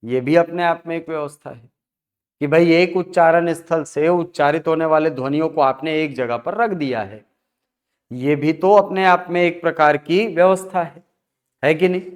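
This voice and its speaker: A man's voice: fairly high pitch, moderate pace, clean tone. A man teaching a phonetics lesson, who asks questions and answers them himself. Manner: asks and answers his own questions, addressing students as sir. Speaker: Hindi teacher. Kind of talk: classroom lecture on phonetics.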